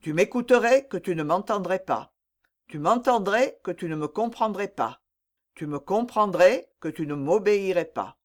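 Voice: medium pitch, expressive, normal speed, natural voice. A reader voicing a seasoned older musketeer captain, blunt and mocking, in an audiobook reading of a classic novel. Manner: teasing, blunt, worldly.

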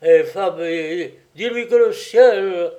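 A man's voice: sits high, takes it slowly, mellow, lo-fi sound, pitched above the performer's own voice. A man voicing a drunken man who pretends to be a solemn archangel, pompous and slightly slurred. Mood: mock-solemn.

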